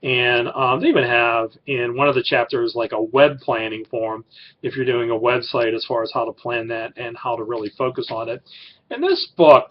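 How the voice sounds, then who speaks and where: A middle-aged man who teaches college writing introduces his class, rambling with plenty of fillers and restarts and correcting himself as he goes. His voice is medium-pitched, and the recording is muffled.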